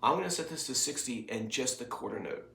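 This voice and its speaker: This guitar teacher speaks in a mid-range, fairly bright voice with vocal fry, animated and brisk, though his cold leaves him congested. He rambles through a casual recorded lesson for a student, leaning heavily on fillers. His home music studio sounds echoey, with a little hiss or hum.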